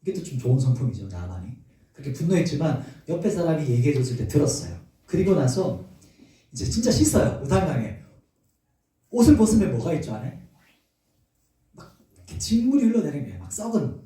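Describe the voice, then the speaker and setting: A male pastor preaches with a lively, rising-and-falling voice and a warm, dark tone. He tells the story animatedly and keeps asking the congregation questions. He sounds far from the mic in a very echoey church. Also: a little high, brisk. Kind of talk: sermon.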